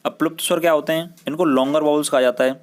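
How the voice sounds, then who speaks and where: A man's voice: on the high side, steady tone. Patient man teaching grammar. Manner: patient, repeats terms and stretches sounds slowly for pupils. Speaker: school Hindi teacher. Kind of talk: recorded classroom grammar lesson.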